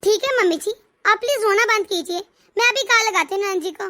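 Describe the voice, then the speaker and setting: A woman voicing a high, bright young bride. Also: brisk, no room sound, studio quality. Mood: calm. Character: young working daughter-in-law, dutiful and firm.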